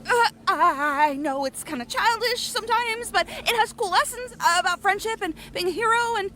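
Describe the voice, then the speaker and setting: A woman's voice: very high voice, expressive, moderate pace, pushed and bright, exaggerated voice. Sierra, a woman as a gushing nerdy teen girl. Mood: sheepish. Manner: eager and dramatic.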